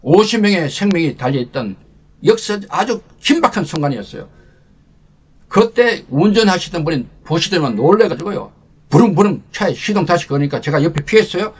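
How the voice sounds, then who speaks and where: Husky older man telling a war story. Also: high voice, fairly quick. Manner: emotional storyteller, animated swings from loud to hushed. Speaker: lecturer and channel host. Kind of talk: personal war story told as a leadership talk.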